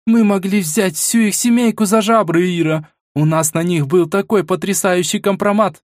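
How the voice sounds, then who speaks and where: A man's voice: high voice, normal speed, no room sound, clean studio sound, pitched above the performer's own voice, close to an everyday voice. A man voicing a hot-tempered, uncompromising noblewoman who rants with scorn. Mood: indignant. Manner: ranting, scornful.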